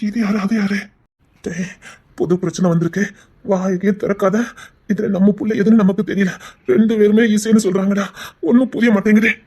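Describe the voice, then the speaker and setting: A woman's voice: mid-range voice, steady tone, a little fast, mellow, breathy edge, close to an everyday voice. A woman voicing an anxious older man of the family in an audio drama, urgent and flustered as he barks orders. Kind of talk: Tamil serial-style audio drama.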